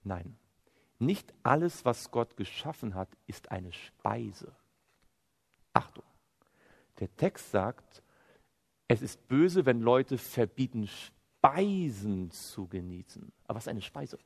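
A man's voice: mid-range voice, slow pace, vocal fry, pauses often. A man preaching a sermon, quoting scripture and firing off rhetorical questions that he answers himself. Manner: animated, asks rhetorical questions and answers them; quotes scripture. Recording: long hall reverb.

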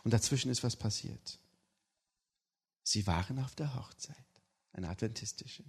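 A man preaching his personal testimony to a congregation, telling the story in a lively way and checking in with the listeners. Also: medium pitch, normal speed, vocal fry, husky. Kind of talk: sermon testimony.

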